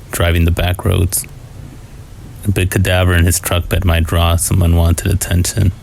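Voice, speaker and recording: A man reading a scripted first-person scary story in a low, haunting, somber manner. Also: vocal fry, a little mellow. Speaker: horror story narrator. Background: music.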